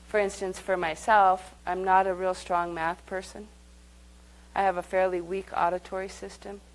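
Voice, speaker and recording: A woman's voice: medium pitch, slight background noise, low-quality recording. A woman leading a live workshop, speaking conversationally and guiding the group through exercises. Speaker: workshop teacher.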